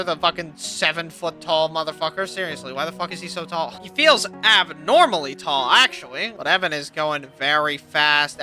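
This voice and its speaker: Young male gamer, excitable, sarcastic and foul-mouthed, voice high and piercingly bright. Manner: excitable, sarcastic, swears a lot. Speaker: gamer commentating a wrestling game. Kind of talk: casual let's-play commentary.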